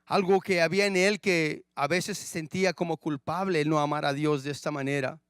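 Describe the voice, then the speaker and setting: A man preaching a sermon who keeps calling listeners brother and asking rhetorical questions, swinging between loud emphatic lines and hushed low asides. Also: fairly even intonation, a little fast, smooth, dry recording. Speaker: pastor.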